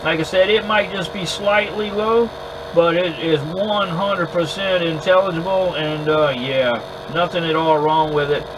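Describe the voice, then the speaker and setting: A man having a casual two-way radio chat in an easygoing, halting way, often repeating words as he goes. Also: a little high, fairly even intonation. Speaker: amateur radio operator recording contacts. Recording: clear background hum and noise.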